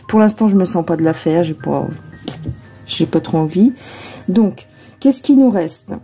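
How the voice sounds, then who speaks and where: A woman's voice: lowish voice, animated, unhurried, dark tone, slightly rough, faint music behind. A woman tarot reader chatting casually before a reading, rambling with many hesitations and asides to herself.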